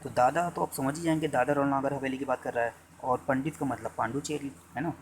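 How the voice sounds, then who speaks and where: A male teacher gives an exam-prep lecture, repeating phrases and dictating them slowly for students to note. His pitch sits in an ordinary middle range. A faint noise runs under the recording. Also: poor audio.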